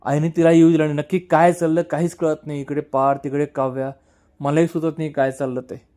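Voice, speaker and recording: A man's voice: level tone, brisk, warm tone, close to an everyday voice. A man voicing an anxious worried young woman. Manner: anxious, rising pitch.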